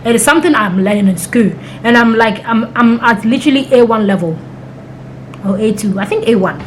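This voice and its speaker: Chatty and rambling, a young woman from Ghana tells stories to camera as a vlogger, performing the quoted lines. Her voice is a little high, expressive and fairly quick, and the poor recording carries slight background noise.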